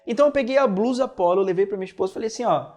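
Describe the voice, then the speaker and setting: A man's voice: sits high, very fast, darkish tone. A man coaching in neurolinguistic programming gives an online lesson through personal stories, speaking straight to the listener and acting out the dialogue. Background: faint background music.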